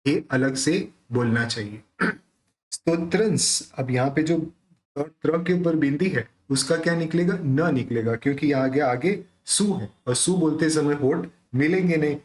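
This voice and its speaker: Teaching the pronunciation of devotional verses, a Hindi-accented man with a fairly high pitch breaks down each sound before reciting the lines in a slow, measured chant. The room is echoey.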